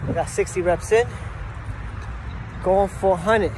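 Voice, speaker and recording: A man's voice: high-pitched, unhurried, a little mellow. A man in his thirties, a fitness trainer, chatting casually and crudely to his phone about his workouts. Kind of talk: casual workout vlog chat, cursing. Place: outdoors in an open park. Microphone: handheld phone at arm's length. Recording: noisy outdoor phone recording, urban ambience.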